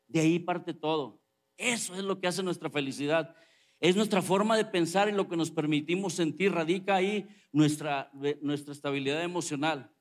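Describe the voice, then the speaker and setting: Man preaching, high voice. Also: normal speed. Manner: conversational, joking with the congregation. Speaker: pastor. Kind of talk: sermon.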